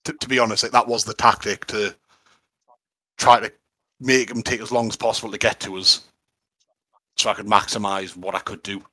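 A man chatting enthusiastically about tabletop games, full of fillers and quick to laugh. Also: fairly low pitch, steady tone, sharp tone, no echo, rough recording. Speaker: tabletop wargame player. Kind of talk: casual chat.

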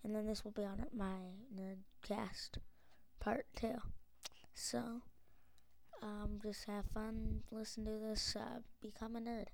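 Woman podcast host w/ hiccups, slow and halting, lots of uhs, gravelly fry in her voice. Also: mid-range voice, level tone, no echo. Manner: hesitant, many fillers and restarts. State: has the hiccups. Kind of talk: casual solo podcast intro.

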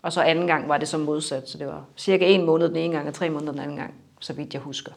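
A young adult woman in a personal interview, reflective and halting, her sentences trailing off softly. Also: low-pitched, fairly even intonation, vocal fry.

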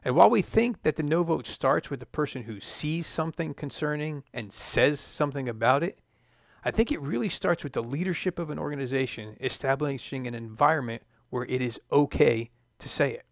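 A man's voice: on the high side, gravelly, dry recording. Dry-voiced man narrating a podcast. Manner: measured, emphatic storytelling with dry asides. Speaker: podcast host, former test pilot. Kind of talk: scripted podcast monologue.

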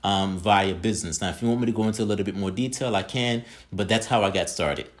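A man's voice: lowish voice, quick pace. A middle-aged man from Haiti, an entrepreneur answering interview questions in a formal way, with many repeated stock phrases. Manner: formal, repeats "that specific" and "kinda just". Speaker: entrepreneur guest.

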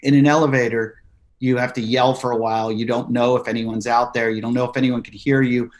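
Here a man in his forties appears as a comedian on a podcast, speaking briskly in a mid-range voice. He's an animated storyteller who acts out the quotes in his interview tales.

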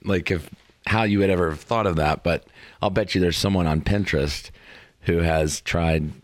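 A man with a deep, low voice chats casually as a podcast co-host. He jokes and tells long stories in an easy, relaxed way. The sound is dry and close. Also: normal speed, dry recording. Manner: relaxed, joking storyteller. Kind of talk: casual chat.

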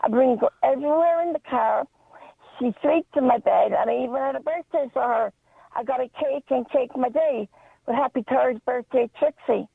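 A woman's voice: high-pitched, moderate pace, gravelly, breathy edge, no echo. A woman calling in to a radio show on a speakerphone held away from her, chatty and doting, her voice muffled. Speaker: radio phone-in caller. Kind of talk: casual chat. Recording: muffled tinny phone line.

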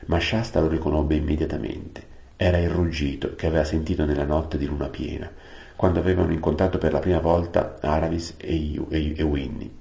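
A man narrating a storybook aloud, unhurried, adding plain-word glosses. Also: extremely low pitch, fairly even intonation, creaky, mellow. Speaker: audiobook reader. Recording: roomy echo.

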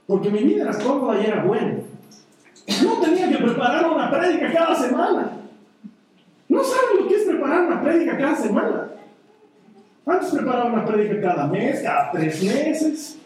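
A man preaching a sermon, telling personal stories in an earnest way and often dropping into a soft, quiet voice. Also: very high voice, very animated, fairly quick, a little hiss or hum. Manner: earnest, personal storytelling with sudden soft drops. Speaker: pastor. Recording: echoey hall, voice from far off.

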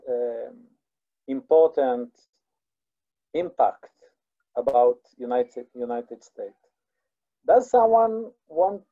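A native Hebrew speaker with an Israeli accent and a mid-range voice gives an online lecture, speaking slowly and haltingly with many restarts and fillers. The sound is phone quality.

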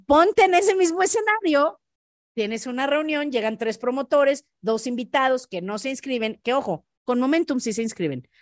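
Lively Mexican woman podcast host. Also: sits high, no room sound, clean studio sound. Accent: Mexican Spanish. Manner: animated, acts out scenarios in quick voice shifts; speaks directly to listener with frequent "¿ok?" tags. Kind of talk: motivational podcast monologue.

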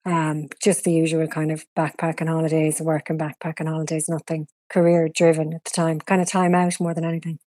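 A woman's voice: deep voice, little pitch movement, brisk, few pauses, darkish tone, dry recording, clean studio sound. A middle-aged woman with a west of Ireland, Galway accent, chatting and explaining as she answers interview questions. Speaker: interview guest, TV producer and presenter.

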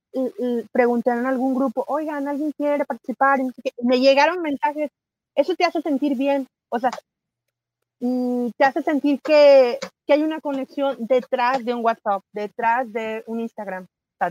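A middle-aged woman with a Mexican accent, talking as a guest in a casual conversation, animated and chatty, often pausing on fillers and correcting herself. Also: sits high, lo-fi sound. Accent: Mexican Spanish.

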